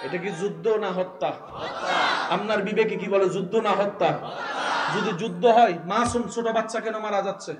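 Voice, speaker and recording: Preacher guy, really high voice, yelling questions at the crowd, echoey loudspeaker at a big gathering. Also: fairly quick, heavy background noise. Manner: quizzes the crowd and demands loud replies; builds from calm talk to shouted peaks. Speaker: Islamic preacher. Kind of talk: fiery sermon. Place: large religious gathering.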